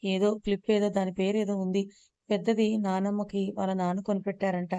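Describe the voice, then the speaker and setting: Woman narrator for an audio story: steady, level delivery, soft warm tone, smooth and clean, dry close sound. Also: mid-range voice, brisk, no echo, lo-fi sound.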